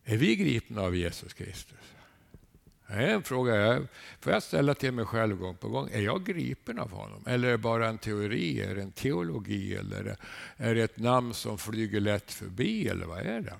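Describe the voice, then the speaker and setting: A man preaching a sermon, animated, asking his listeners rhetorical questions and adding a questioning "eh?" to his lines. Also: fairly low pitch, vocal fry. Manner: animated storytelling with sudden rises in volume.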